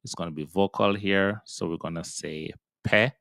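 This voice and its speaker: Man, patient Hebrew reading teacher, low voice, slow careful delivery, sounds out syllables, dry close recording. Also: gravelly, fairly bright tone, no echo. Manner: patient, spells out sounds and repeats syllables slowly. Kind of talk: slow step-by-step pronunciation lesson.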